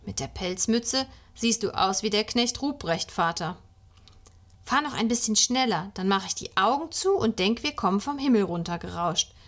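A woman voicing an eager, excitable little boy, loud and playful. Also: medium pitch, normal speed.

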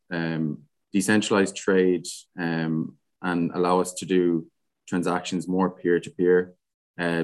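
Low, even-voiced young west of Ireland man. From Galway, west of Ireland. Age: young adult. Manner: hesitant, halting, frequent "like". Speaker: podcast guest, student society president. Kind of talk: casual interview.

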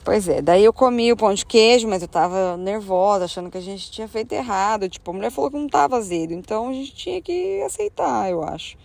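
A Brazilian woman vlogger telling a travel story in a casual way. She acts out her own thoughts in a higher voice. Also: animated, fast talker, vocal fry, few pauses, a little mellow. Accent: Brazilian Portuguese.

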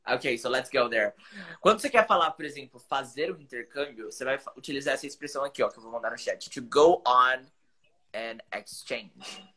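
A young Brazilian man teaching English in a casual chat, animated and slowing down for careful English phrases. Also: mid-range voice.

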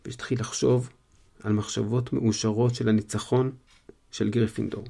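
A man's voice: fairly low pitch, level tone, creaky, warm tone, husky. A man retelling a story to listeners in his own words, casually, with small fillers.

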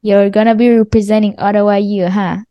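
A young woman hosting a faith podcast interview, friendly, asking quick questions and laughing often. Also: medium pitch, little pitch movement, dry recording, muffled recording. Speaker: podcast host.

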